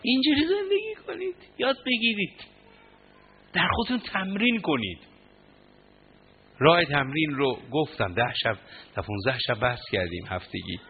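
A man's voice: on the high side, very animated, pauses often. A man preaching a mourning sermon, impassioned, his voice breaking into sobs as he recounts the narration. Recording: tinny phone-like line, faint noise.

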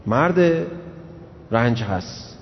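A man giving an emphatic religious lecture, swinging from slow, low asides to loud scolding. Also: lively intonation, slight background noise. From Iran, grew up in Tehran. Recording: dull recording in reverberant hall.

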